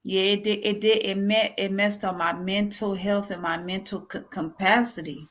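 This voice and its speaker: A woman's voice: medium pitch, steady tone, a bit bright. A young woman speaks to her viewers in a personal, confessional vlog. She stops and restarts, repeating words as she tries to get them out. Her voice is close to tears. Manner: halting, repeats words, emotional. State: near tears. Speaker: vlogger.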